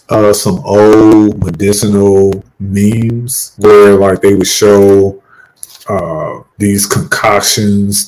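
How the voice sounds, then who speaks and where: A man with a fairly low voice hosts a podcast. He talks in a casual, conversational way and backs up his guest. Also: a little mellow, poor audio. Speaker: podcast host.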